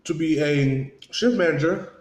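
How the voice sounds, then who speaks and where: A man with a slightly high-pitched voice talks casually to viewers over food. He chews while he talks and slips into quoted dialogue as he recounts things, repeating himself for emphasis. The sound is clearly roomy and echoing. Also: measured pace. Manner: talking while eating, chewing between phrases; conversational, acts out reported dialogue, repeats for emphasis. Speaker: vlogger.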